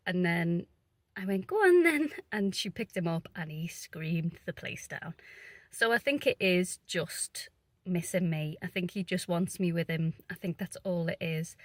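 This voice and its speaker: A tired young woman vlogging about her day as a stay-at-home mum. She rambles in a casual, chatty way and fills her pauses with ums. She sounds worn out and run down. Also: lowish voice. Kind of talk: casual vlog chat.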